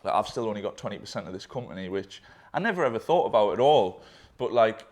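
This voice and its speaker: Young man, lowish pitch, candid and rambling, casually swears; a business partner looking back with him. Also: animated, fast talker, darkish tone. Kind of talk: candid conversation.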